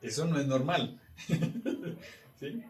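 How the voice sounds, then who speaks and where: A man's voice: fairly high pitch, very slow, a little mellow, reverberant, recorded from a distance. A man teaching scripture to a small congregation, often asking the listeners if they follow. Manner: asks the room for agreement often. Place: church meeting room.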